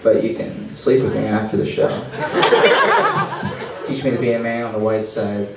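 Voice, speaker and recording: A man's voice: on the low side, fairly even intonation, normal speed. Awkward rambling stand-up man, echoey club. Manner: rambling, awkward, self-deprecating. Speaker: stand-up comedian. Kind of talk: stand-up set. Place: comedy club stage. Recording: echoey club room, mic far off, loud hiss.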